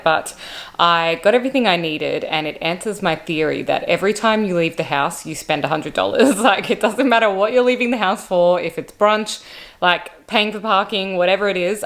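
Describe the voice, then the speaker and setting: Aussie girl vlogging, casual chatty talk, slightly low voice, keeps getting hiccups. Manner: chatty, apologetic, hiccuping now and then. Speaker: vlogger and interior designer. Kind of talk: casual vlog chat.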